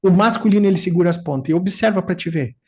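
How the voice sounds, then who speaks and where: A man's voice: high voice, fast talker, breathy edge. A man in his forties with a gaúcho accent from southern Brazil, telling personal stories in casual talk and acting out quotes. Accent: Gaúcho Portuguese. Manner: storytelling, animated, acts out quotes. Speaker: neuropsychoanalyst.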